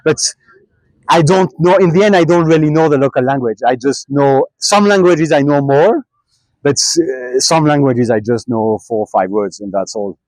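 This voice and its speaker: A young man, a cyclist answering questions in a relaxed interview, pausing and restarting often. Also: mid-range voice, dry recording, low-quality recording. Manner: halting, many restarts and fillers. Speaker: traveling cyclist.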